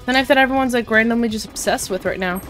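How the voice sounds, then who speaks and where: A woman chats loosely on her live game stream, swearing casually. She has hiccups. Her voice sits a bit high, with faint music underneath. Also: fast. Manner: chatty, swears casually while gaming.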